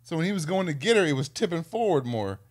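A man's voice: a little high, sing-song, fast. Sarcastic swearing gamer guy. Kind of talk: casual let's play commentary.

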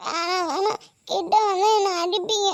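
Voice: extremely high pitch, fairly even intonation, normal speed, no room sound, studio quality. A performer voicing a tearful, sulky young schoolgirl in a cartoon, who whines and complains. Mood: sullen. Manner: whiny, crying and complaining. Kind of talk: cartoon voice acting.

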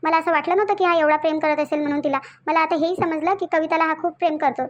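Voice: very high-pitched, steady tone, fast, muffled recording. A performer voicing a scheming young woman who gloats over her plan, with a Varhadi Marathi accent. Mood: gloating. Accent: Vidarbha Marathi (Varhadi). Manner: gloating, self-satisfied monologue. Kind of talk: cartoon voice acting.

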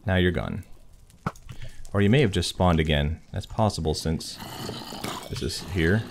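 A man's voice: sits low, a little slow. A man giving casual video game commentary, muttering to himself as he plays. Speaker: gamer recording a playthrough. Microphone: headset or desk microphone, wearing headphones. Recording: clear background noise. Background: game sound effects with thunder.

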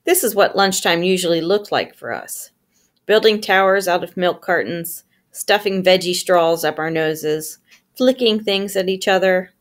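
A woman reading a novel aloud with steady storytelling, giving the characters their own voices. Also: lowish voice, unhurried. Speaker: audiobook reader.

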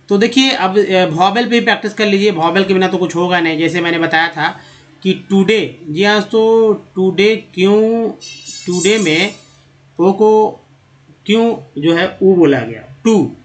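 A man with a Hindi accent teaching English pronunciation in a video lesson, repeating words slowly and calling the viewers friends. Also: high-pitched.

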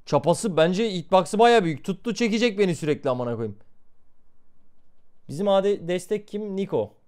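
A young man streams a game live, reacting loudly and swearing in nearly every sentence. His voice sits high and swings widely, jumping up and down as he talks to his chat. He comes across as excitable and blunt. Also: normal speed. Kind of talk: live gameplay commentary.

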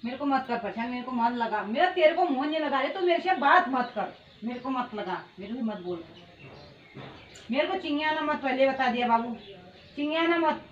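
High-voiced scolding mother, echoey room. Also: expressive, normal speed, a little hiss or hum. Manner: scolding, nagging, repeats herself. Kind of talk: scripted family comedy argument. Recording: echoey room, distant dull mic.

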